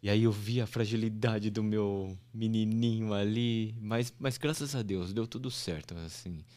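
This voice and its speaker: A man's voice: fairly low pitch, measured pace. A man, a podcast guest telling a heartfelt story in a casual, emotional way. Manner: animated, emotional, repeats "meu" and "pô".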